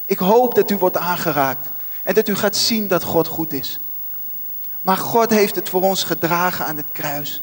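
A man preaching a sermon in a church, impassioned and emphatic, rising into pleading questions. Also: high-pitched. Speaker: pastor. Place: large church hall. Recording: church hall reverb.

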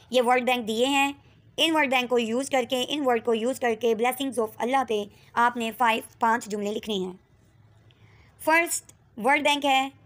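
A woman teacher with a Pakistani accent and a fairly high voice gives a textbook lesson, reading English words and sentences slowly and clearly before explaining them.

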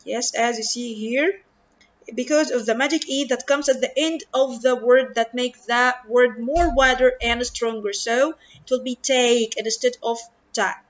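A woman with an Arabic accent teaching an English reading lesson, speaking slowly and deliberately and stretching out words for her pupils. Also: fairly high pitch, lo-fi sound. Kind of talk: recorded online lesson.

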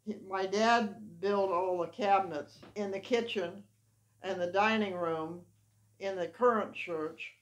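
A woman's voice: medium pitch, unhurried, poor audio. Elderly woman recalling church life. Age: older. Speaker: interviewee, longtime church member. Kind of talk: reminiscing interview. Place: living room, seated in armchair. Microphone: lavalier mic.

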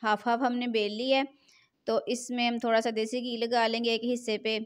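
A woman's voice: on the high side, level tone, moderate pace, smooth. A middle-aged woman, hosting a home cooking tutorial in a chatty, repetitive voice-over. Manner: chatty, repeats filler phrase "jo hai na". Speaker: cooking channel host.

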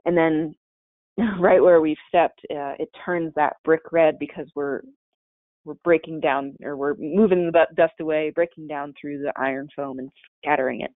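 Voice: medium pitch, fairly even intonation, normal speed, dry recording. A caver giving a casual, chatty slide-show presentation in a webinar, with many fillers and restarts. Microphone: webinar call mic. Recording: tinny, dry webinar call audio.

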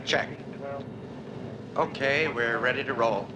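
A man's voice: medium pitch, slow. A middle-aged man, a pilot and presenter, speaking in scripted film narration and cockpit talk. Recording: old film soundtrack, heavy engine noise.

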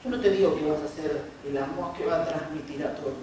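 A man's voice: on the high side, fast, mellow. A man in his forties with an Argentine accent, preaching a sermon as a personal testimony and voicing the people in his story. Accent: Argentine Spanish. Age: 40s. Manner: storytelling with acted quotes of others. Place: church sanctuary. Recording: very echoey church hall from far off, faint noise.

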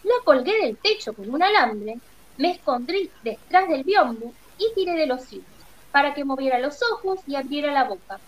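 A woman's voice: high-pitched, expressive, normal speed, poor audio. Storybook: a woman reading a timid old wizard man, nervous and begging. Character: frightened old male humbug wizard.

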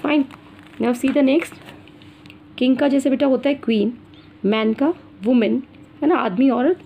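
This high-pitched, creaky, dark-toned woman speaks slowly, and the recording carries slight hiss or hum. She's an Indian teacher taking kids through English grammar in a Hindi-English mix, addressing them as "beta" and repeating "theek hai na" to make sure they follow.

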